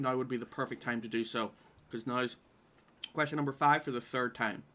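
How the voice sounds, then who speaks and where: With a bright, forceful voice at medium pitch, a man from Derry, Northern Ireland, hosts a live-streamed quiz. He reads the questions in his local accent, informally, tossing in wry asides.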